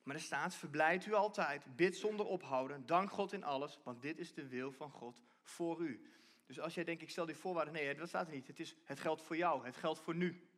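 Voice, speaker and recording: Bright, high-voiced man preaching. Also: moderate pace. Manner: conversational, repeats and restarts while explaining. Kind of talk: sermon. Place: church stage.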